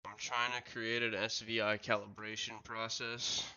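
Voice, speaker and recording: Male streamer, deep and gravelly yet smooth, mumbles low in casual chat, dull lo-fi mic. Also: level tone, moderate pace, bright, forceful tone. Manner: mumbling, talks low and trails off. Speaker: trader streaming his screen. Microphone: old desk mic that cuts out.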